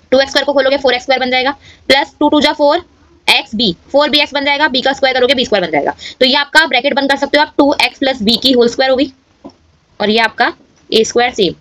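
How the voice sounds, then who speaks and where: A woman's voice: high voice, a bit bright. A woman teaching a maths lesson and explaining each step aloud, often checking in with her students.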